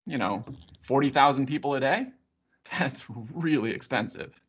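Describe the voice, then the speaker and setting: Hesitant man explaining software on a call. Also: medium pitch, expressive, normal speed, husky. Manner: hesitant, lots of uh and restarts, explanatory. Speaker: software company guest speaker. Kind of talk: conversational technical explanation. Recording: muffled video call audio.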